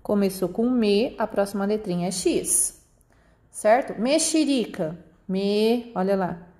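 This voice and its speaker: A woman with a Brazilian accent teaching young pupils a remote lesson, patiently slowing down to spell out example words. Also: mid-range voice, warm tone. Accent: Brazilian Portuguese. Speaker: primary school teacher.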